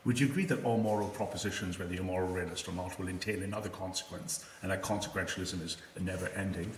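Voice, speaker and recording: A man's voice: sits low, fairly even intonation, quick pace. A man in an online debate, pressing a step-by-step argument, his voice ringing in a big echoey hall. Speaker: debate participant. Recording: echoey, hall-like room sound with faint noise.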